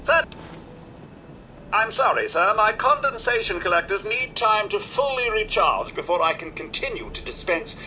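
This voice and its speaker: A man's voice: sits high, lively intonation, moderate pace, pushed and bright, a little hiss or hum, exaggerated voice. An actor playing a polite male robot butler in a video game, speaking in a formal, deferential way. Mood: courteous. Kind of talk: video game character dialogue.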